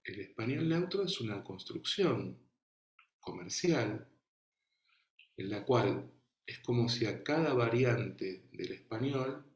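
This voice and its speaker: A man with an Argentine Rioplatense accent giving an online class lecture, speaking slowly and thoughtfully with frequent fillers. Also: medium pitch, animated, roomy sound. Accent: Argentine Rioplatense Spanish.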